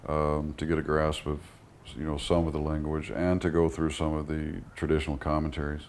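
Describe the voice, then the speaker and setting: Rumbling low and darkish, this Texan from the US talks briskly with a completely flat delivery, English being his first language. He's a guest in an interview, thoughtful and hesitant, reaching for words as he reflects. The recording has audible background noise.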